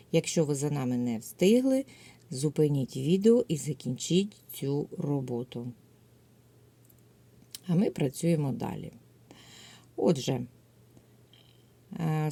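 A woman teacher with a Ukrainian accent giving a video lesson to young pupils, dictating slowly and clearly. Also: sits low, mellow. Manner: slow, clear dictation with drawn-out words. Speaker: primary school teacher.

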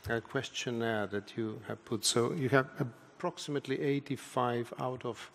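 A man's voice: medium pitch, fairly even intonation, moderate pace, vocal fry, a bit bright, a little hiss or hum. A man moderating a conference panel, posing questions politely.

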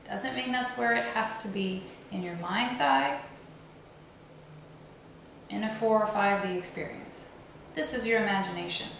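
A woman slowly and soothingly guiding a breathing and visualization meditation. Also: mid-range voice, creaky, slight background noise. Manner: slow, soothing, gently instructive. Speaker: meditation guide. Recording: very echoey room, faint ambience.

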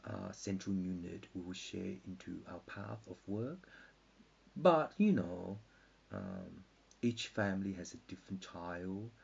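Tired man, low and gravelly, meandering mock-lecture with whispery dips; lo-fi home recording. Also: a little mellow. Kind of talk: rambling pseudo-scientific monologue. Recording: dull lo-fi with faint hiss.

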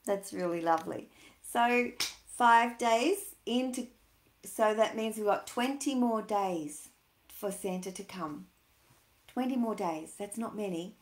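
Here a storyteller in her sixties uses a mid-range voice and a slow pace, reading to young children and chatting with them in a singsong, inquiring tone. The setting is a small indoor room at home, with echoey webcam audio.

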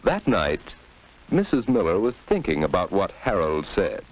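A man's voice: low voice, wildly swooping pitch, measured pace, poor audio. An American man narrating a scripted educational film in the manner of a 1950s narrator. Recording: vintage mid-century film soundtrack.

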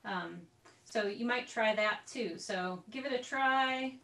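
Speaking slowly in a sharp, rather high voice, a woman teaches recorder to a group on a video call. She chats as she explains, dropping in little asides. Her computer mic is far off, so the audio is roomy.

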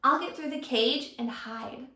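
A woman voicing a timid but brave little boy who answers with calm, imaginative comebacks, in an echoey room. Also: high voice, a little slow. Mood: playful.

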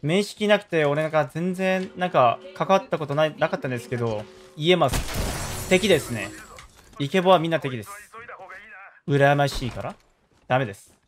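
Excitable high-voiced young man streaming a game. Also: moderate pace, soft background music. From South Korea. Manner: excitable, yelps loudly when in danger. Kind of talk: live gameplay commentary.

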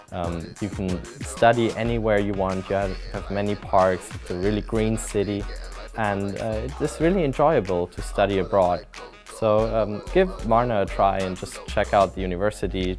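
A young man, a medical student, speaking to camera in a relaxed, enthusiastic way. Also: lowish voice. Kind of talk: promotional testimonial to camera. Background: faint background music.

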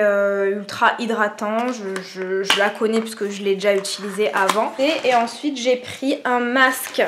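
A woman's voice: mid-range voice, a little hiss or hum. A young woman from France vlogging casually at home, rambling and self-mocking, with many fillers, speaking to a camera propped on cushions. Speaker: beauty vlogger. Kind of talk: casual chatty vlog. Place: at home indoors.

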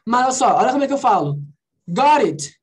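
A woman teaching an English conversation class over a video call, explaining phrases and repeating English examples slowly. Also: a little high, very animated, crowd noise.

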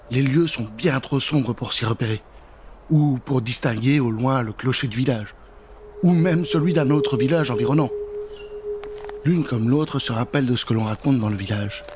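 Here the middle-aged narrator's mid-range voice comes through a noisy background as he spins a spooky children's tale with playful theatrics, directly addressing the audience. He uses a close pop-filtered studio mic in a dark booth, backed by prominent music.

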